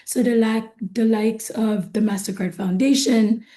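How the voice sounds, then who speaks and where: A woman speaking as a panelist on an online discussion, her voice hoarse and not its usual sound, talking in a measured way and often checking in with "right?". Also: a little high, fairly even intonation, mellow. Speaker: panelist from an investment firm. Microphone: video call.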